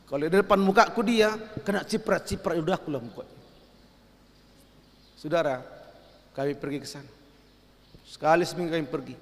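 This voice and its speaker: A male pastor preaching a storytelling sermon, lively and given to shouting for emphasis. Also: on the high side, a little fast, long pauses. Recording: long hall reverb.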